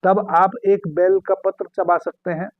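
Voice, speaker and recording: Speaking slowly and calmly, a male spiritual meditation teacher with a rather high voice leads a guided meditation and keeps returning to key phrases. It's a dry, close recording that sounds thin, almost like a phone call.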